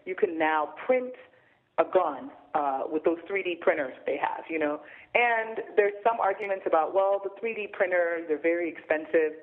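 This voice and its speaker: A man calling in over a thin, tinny phone line, his voice pitched a little high. He talks casually and hesitantly, filling pauses with plenty of ums and uhs. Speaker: guest commentator. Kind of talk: casual opinion discussion.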